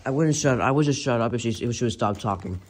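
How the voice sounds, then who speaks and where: A man's voice: medium pitch, fast talker, a little hiss or hum. A man hosting a homemade elimination series at home, calling out names one after another in a casual, rambling way and often correcting himself. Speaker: host of a toy car elimination series. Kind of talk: casual play-by-play narration.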